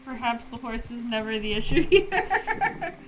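A woman's voice: fairly high pitch, animated, measured pace, soft background music, poor audio. A woman streaming a game, chatting casually, reading viewer comments aloud and swearing now and then. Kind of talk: casual gameplay chat.

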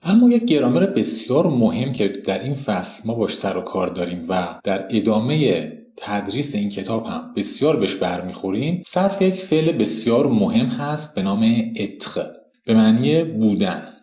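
A man teaching a recorded lesson at a whiteboard. He explains each point and spells out conjugations slowly, one form at a time. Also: on the low side, big pitch swings, a little mellow, reverberant. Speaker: French teacher.

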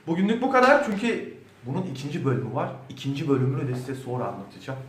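A man's voice: a little high, lively intonation, fast. A man telling a children's story in a playful, theatrical way, as a clown doctor. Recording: roomy echo, mic at a distance, faint background hum.

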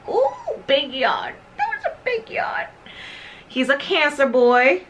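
A woman's voice: mid-range voice, a bit bright. A young woman chatting casually to camera, sometimes cooing at her dog in a sing-song voice. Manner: chatty, with baby-talk to the dog. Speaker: vlogger introducing her new puppy.

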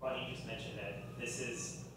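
A man, a reporter, asking questions at a press conference, picked up from a distance in an echoey room with loud hiss. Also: medium pitch, fairly even intonation, fairly quick.

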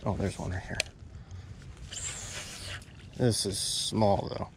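A man's voice: fairly low pitch, takes it slowly, vocal fry. A young man narrating casually while he fishes, chatting to the fish and to his viewers, recorded outdoors on a head-mounted camera. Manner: excitable, talks to the fish and viewers. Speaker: fishing vlogger. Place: outdoors at a pond bank. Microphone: head-mounted action camera. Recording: outdoor camera mic with nature noise.

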